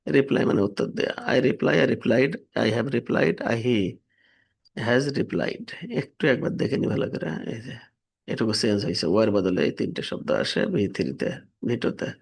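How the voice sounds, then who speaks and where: His mid-range voice is a bit rough, with vocal fry. In this vocabulary lesson, the man reads word lists at an even pace, giving verb forms and their translated meanings.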